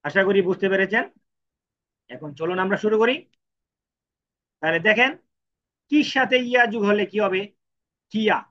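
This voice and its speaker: A man's voice: high-pitched, animated, moderate pace, long pauses, a bit bright. A man teaching a language lesson, patiently asking and answering his own questions and repeating each syllable three times. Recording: dull lo-fi sound.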